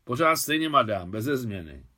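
A man's voice: mid-range voice, sing-song, pushed and bright. A man reading an audiobook, voicing a sardonic taxi driver who talks earnestly and at length, with a wry edge. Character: sardonic French taxi driver, former resistance.

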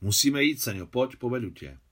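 A man's voice: mid-range voice, animated, fairly bright tone. Man reading as a bossy, chattering young woman. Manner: chattering, commanding. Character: brisk, bossy young woman friend, a take-charge helper.

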